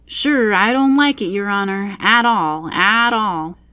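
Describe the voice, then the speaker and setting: A woman's voice: medium pitch, takes it slowly, bright, forceful tone, clear, resonant tone, no echo. Woman putting on a humble, folksy male servant. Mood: reluctant. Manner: deferential, folksy, protesting.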